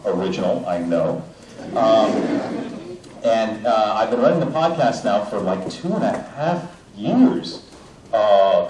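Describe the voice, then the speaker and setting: Fans' questions get chatty, joking answers from a voice actor at a convention panel, with lots of filler sounds. His mid-range voice travels from a handheld mic into the house loudspeakers, clipping into fuzz. The recording is distant and echoey, capturing the large hall, its audience, and the crowd.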